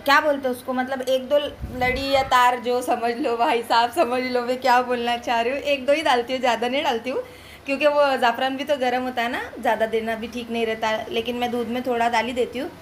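Young indian woman doing a loud chatty home vlog voiceover, slightly high voice. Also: fairly even intonation, quick pace, a little hiss or hum. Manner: talks loudly and chattily to viewers. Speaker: family vlogger. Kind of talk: casual home vlog voice-over. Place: at home, indoors.

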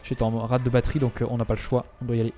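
Though his mid-range, mellow voice is completely flat in delivery, this young man races along as he streams a game live. He chats to viewers, speaks to game characters, and bursts into dramatic yelps at frightening moments.

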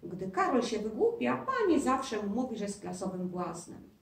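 Woman doing an inquisitive storybook schoolboy; mid pitch, echoey, distant mic. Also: very animated, moderate pace, gravelly. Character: curious, eager schoolboy. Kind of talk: children's story reading.

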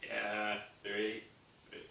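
A man joining a casual tasting review, reacting loudly and animatedly. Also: lowish voice, completely flat delivery, drawn-out words, creaky. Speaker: co-host, guest taster. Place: indoor room. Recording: echoey room, distant mic, faint noise.

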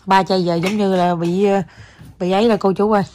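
A woman's voice: mid-range voice, steady tone, brisk, warm tone, slight background noise. A young Southern Vietnamese woman chatting at home in a casual family vlog, coaxing her child and talking to viewers, slipping English words in. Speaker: mother vlogging with her child. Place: home, indoors.

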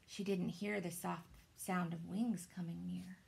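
A woman, reading a children's story aloud in a dramatic, deliberate way. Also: on the low side, level tone, vocal fry, a little hiss or hum. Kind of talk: expressive children's storybook narration. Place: small indoor room with shelves.

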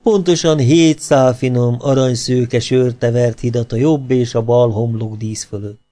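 A man's voice: medium pitch, steady tone, mellow, lightly acted. Man voicing a coy young actress. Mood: wistful.

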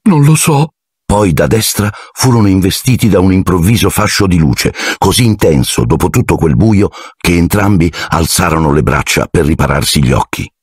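A man narrating an audiobook in an expressive storytelling manner. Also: deep voice, moderate pace, few pauses, husky, no room sound, studio quality. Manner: expressive storytelling, shifting into character voices. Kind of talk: scripted narration.

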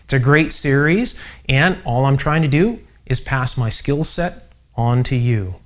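A middle-aged man talks casually over his workbench, musing aloud and pausing with plenty of fillers. His voice sits at an ordinary middle pitch and he sounds like a hobby host showing gear in his home workshop. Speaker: electronics channel host.

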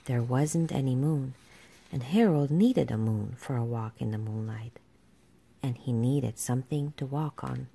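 A woman's voice: rumbling low, unhurried, creaky, warm tone, breathy edge. A woman reading a children's storybook aloud as a narrator. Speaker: storybook reader.

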